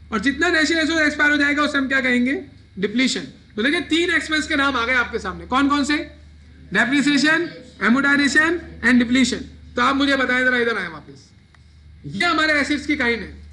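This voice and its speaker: A man's voice: very high-pitched, bright, forceful tone. A man teaching an accounting class, asking his students questions and answering them himself. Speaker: accounting lecturer. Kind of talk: classroom lecture.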